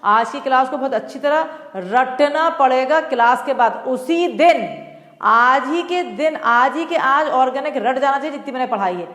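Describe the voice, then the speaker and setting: A woman's voice: high-pitched, expressive, moderate pace, a bit bright. A woman chemistry teacher lecturing a class, switching between Hindi and English as she dictates and quizzes students. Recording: roomy classroom with long reverb.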